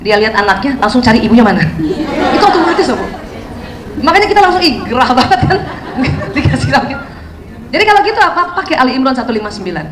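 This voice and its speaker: Woman seminar speaker, high-pitched and conversational, recorded in an echoey hall with faint room noise. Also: big pitch swings, quick pace, crowd noise. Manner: chatty, keeps asking the audience questions. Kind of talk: lively seminar talk to an audience. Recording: roomy hall sound, faint ambience.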